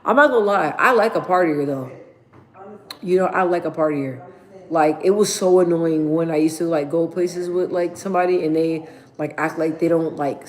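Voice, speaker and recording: A woman in her thirties chatting casually with viewers on a livestream from her mother's house, rambling with lots of fillers and slang. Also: sits low. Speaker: livestream host.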